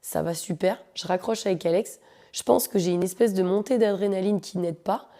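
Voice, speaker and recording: A woman's voice: medium pitch, fairly quick, dark tone. A woman hosting a podcast, telling a personal story in a casual, joking, slangy way and talking straight to her listeners. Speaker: podcast host.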